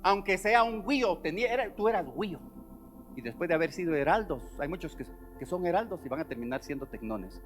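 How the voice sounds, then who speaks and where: A high-pitched man preaches a sermon. He delivers it dramatically, rising to loud quoted lines and then dropping low. Faint music sits under his voice. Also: expressive, fast talker. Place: church service.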